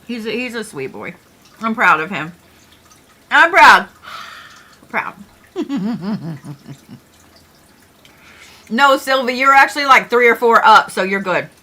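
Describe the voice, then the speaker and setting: A woman's voice: on the high side, animated, measured pace, pauses often, pushed and bright. A middle-aged woman hosting an astrology livestream, chatting casually and joking with viewers, with the odd swear word.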